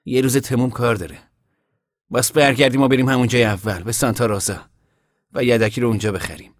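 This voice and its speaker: A man voicing a steady, practical young man who lays out plans in an audiobook reading. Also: mid-range voice, dry recording, studio quality, voice pushed up, lightly acted. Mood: explaining. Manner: level-headed, explaining plans. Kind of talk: audiobook character voice.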